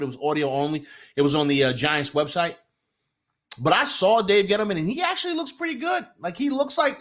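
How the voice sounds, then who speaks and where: A young man from New Jersey, with a Jersey accent, hosts a casual live sports talk stream. His high-pitched, fairly bright voice runs loose and profane as he restarts sentences and greets his chat.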